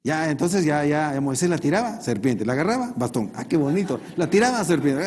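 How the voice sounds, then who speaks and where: A male pastor preaching a sermon, retelling a Bible story with lively, animated storytelling. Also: on the high side, fairly quick, a little hiss or hum. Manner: animated storytelling, acting out voices.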